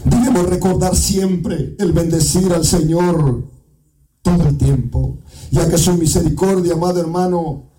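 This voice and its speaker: Impassioned high-voiced Guatemalan preacher. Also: male voice, a little slow, distant mic, rough recording. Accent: Guatemalan Spanish. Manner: impassioned, shouting and half-singing climaxes; repeats "amado hermano" as a refrain. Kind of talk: evangelical sermon.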